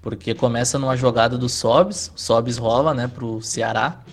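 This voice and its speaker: A man with a gaúcho accent talking casually about sport in a relaxed conversation. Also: medium pitch, moderate pace. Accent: southern Brazilian, gaúcho. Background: music under the talk.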